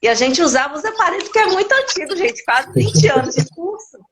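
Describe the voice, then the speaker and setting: A woman's voice: extremely high pitch, sing-song, fairly quick. Chatty woman on a noisy call. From Minas Gerais, Brazil. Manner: chatty, candid, frequent restarts. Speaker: guest. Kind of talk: casual interview chat.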